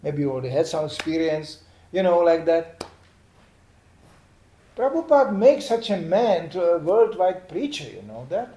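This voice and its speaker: An older man preaching in a lively storytelling manner, often adding "you know". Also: fairly high pitch, moderate pace, long pauses. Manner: lively anecdotal telling with "you know" asides. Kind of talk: storytelling sermon. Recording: echoey room, faint background noise.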